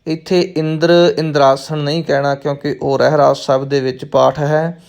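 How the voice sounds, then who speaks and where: A man teaching the correct recitation of scripture. He chants each verse very slowly, then explains the pronunciation in quick, plain speech. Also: mid-range voice, level tone, gravelly, a little mellow. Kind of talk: slow recitation lesson.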